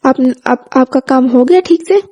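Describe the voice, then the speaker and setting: Storybook: a woman doing a friendly young woman, polite and affectionate, high and soft. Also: moderate pace.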